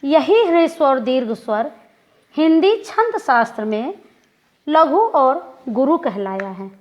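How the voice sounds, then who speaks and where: A woman teaching Hindi grammar in a lecture style, speaking deliberately and repeating example words to demonstrate how they sound. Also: sits high, lively intonation, dull audio.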